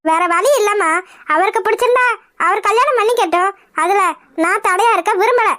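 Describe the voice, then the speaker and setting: A woman voicing a calm, polite young daughter in a cartoon, speaking gently and reasonably. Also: very high-pitched, brisk. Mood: gentle.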